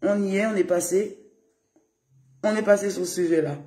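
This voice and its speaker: Rambling high-voiced man live streaming. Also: moderate pace, darkish tone. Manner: rambling, chatty, laughs often, greets viewers. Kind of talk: casual live-stream monologue. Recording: roomy echo.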